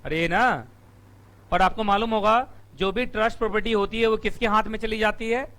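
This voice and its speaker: A man teaches company law to a live classroom through a room mic. His voice is high and bright. He fires quick questions at the students, answers them himself, and sounds strained from shouting.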